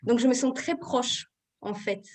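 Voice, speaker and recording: A woman with a Russian accent speaks as a guest in an online interview. Her voice sits fairly high, and she explains things calmly and softly, with pauses to find her words. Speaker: guest, Ayurveda therapist.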